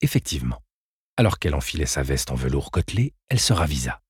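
A man narrating a novel in the first person as an audiobook, in a measured, sober manner. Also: rumbling low, very animated, husky, no echo, studio quality.

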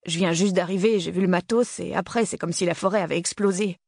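Narrator plays a nervous teen stoner hiker, mumbling slang, pitched up, dry. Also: male voice, fairly even intonation, quick pace, vocal fry, a little mellow, no echo. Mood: defensive.

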